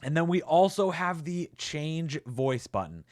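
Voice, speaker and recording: Relaxed man demoing gear, dry close sound. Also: a little high, measured pace, no echo. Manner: relaxed, upbeat, with frequent "uh" and repeats. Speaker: tech reviewer. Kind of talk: casual product demo.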